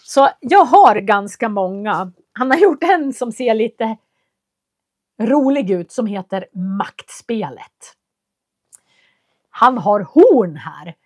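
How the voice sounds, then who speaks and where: A woman's voice: a little high, big pitch swings, no room sound, clean studio sound. A woman, chatting casually on a livestream as a language teacher and answering viewer comments with friendly hesitations. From Köping, Västmanland, Sweden.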